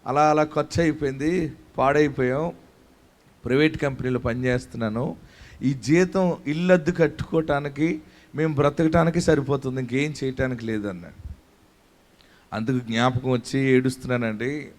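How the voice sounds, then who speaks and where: A man pastor preaching a sermon, leading the congregation in song and shouted praise, then telling a story from his church. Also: medium pitch, normal speed, pauses often. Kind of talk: sermon with worship singing.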